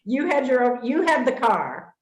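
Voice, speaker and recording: A woman's voice: high voice, very animated, moderate pace, echoey room, low-quality recording. An older woman hosting a conversational interview, chatty and reminiscing with frequent fillers. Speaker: host and voice teacher.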